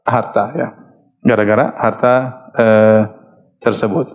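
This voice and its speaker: A man giving an Islamic study lecture. He tells the story in a lively way, chuckling often and stopping to search for words. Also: lowish voice, a little slow, highs cut off. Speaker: Islamic preacher.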